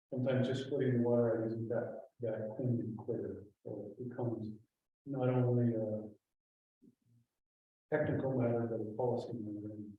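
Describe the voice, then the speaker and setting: A man chairing a public board meeting, weighing a question in a deliberate, measured way. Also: mid-range voice, slight background noise. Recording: phone-like, echoey hall from far off.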